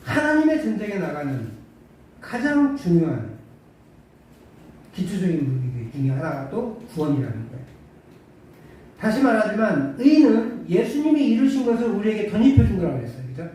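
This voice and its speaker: Korean pastor guy preaching, chatty w jokes, bouncy pitch, echoey church mic far off. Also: big pitch swings, normal speed, pauses often, dark tone. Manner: conversational, rhetorical questions, dry humor. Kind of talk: sermon. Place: church sanctuary. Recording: echoey church hall from far off, faint hiss.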